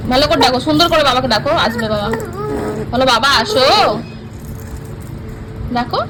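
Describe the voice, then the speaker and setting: A woman's voice: sits high, racing. A woman talking to her baby in a coaxing, repetitive, sing-song way. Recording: loud background noise.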